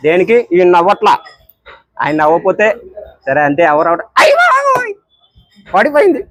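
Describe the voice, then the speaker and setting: Male street vlogger, high and lively, all jokes and loud exclamations. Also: fairly quick, dry recording. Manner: teasing, jokey, exclaims loudly. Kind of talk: playful street banter. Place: tea stall.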